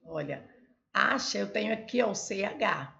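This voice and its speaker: This Portuguese grammar teacher works at the board, explaining each step and pointing as she goes, peppering her talk with "olha" and "ó." She speaks unhurriedly in a mid-range, expressive voice that's a little bright, with vocal fry. The audio is dull.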